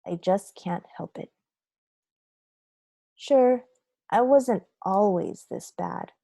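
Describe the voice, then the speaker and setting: A woman voicing a grumpy, remorseful sunflower seed telling his own story in a children's picture book read-aloud, in a dramatic, deliberate, confessional manner. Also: medium pitch, creaky, dark tone, dry recording, clean studio sound, heavily acted. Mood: wistful recounting.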